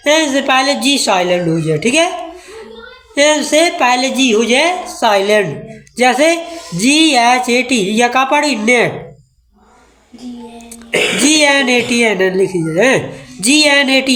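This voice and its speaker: A woman teaches a classroom English lesson. She speaks slowly and patiently, repeating each rule and checking often that the class follows. Her voice sits high. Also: a bit bright. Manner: slow, repetitive teaching with frequent checks.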